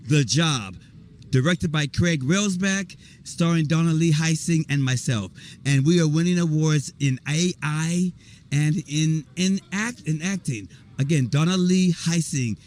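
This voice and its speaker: A man, an actor, chatting excitedly and rambling in a casual outdoor interview at a volunteer event. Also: a little high, a little hiss or hum. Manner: excited, rambling, spells things out. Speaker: actor guest.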